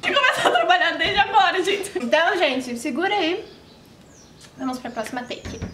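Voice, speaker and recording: A woman's voice: very high voice, expressive, normal speed, noisy background. A young woman chatting playfully in a casual vlog, giggly and full of exclamations. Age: young adult. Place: outdoor home patio. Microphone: camera a few metres away. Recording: roomy, distant camera microphone, music.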